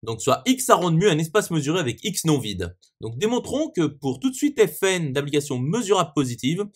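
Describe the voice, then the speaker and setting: A man's voice: a little high, sing-song, brisk. Formal man reciting a maths lesson. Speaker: maths lecturer. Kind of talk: scripted mathematical proof narration.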